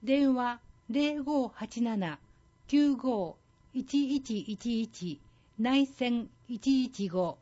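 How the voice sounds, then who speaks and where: Mellow, higher-pitched woman narrator. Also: very slow, highs cut off. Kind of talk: scripted story narration.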